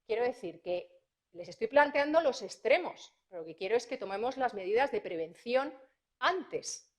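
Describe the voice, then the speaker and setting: A woman prosecutor, giving a conference talk to parents in a lively, anecdotal way, acting out dialogues as she goes. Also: on the high side, normal speed.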